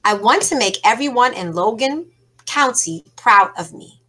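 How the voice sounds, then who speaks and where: A woman reading the lines of an earnest, gentle boy fiddler in a storybook passage, speaking softly. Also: on the high side, expressive, a little slow.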